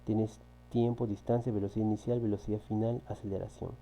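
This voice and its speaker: A man's voice: fairly low pitch, little pitch movement, fairly quick, warm tone, low-quality recording. A man teaching a physics class, patiently repeating key points and often checking with his students. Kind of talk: recorded online class walking through exercises. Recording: faint electrical hum.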